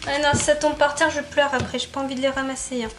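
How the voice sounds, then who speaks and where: A woman's voice: high-pitched, flat delivery, quick pace, background noise. A woman YouTuber giving casual, chatty commentary as she opens card packs, reading off card names and laughing often.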